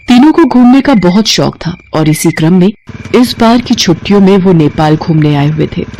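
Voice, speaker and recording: A woman narrating a scripted cartoon horror story with steady, dramatic storytelling. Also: fairly low pitch, a little hiss or hum.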